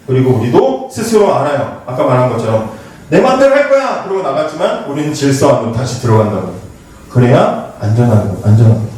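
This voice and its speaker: A man preaching a lively youth sermon in a church. He talks to the teens like a conversation, asks them questions and acts out the lines he quotes. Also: medium pitch, slight background noise. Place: church sanctuary. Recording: very echoey hall, voice from far off the mic.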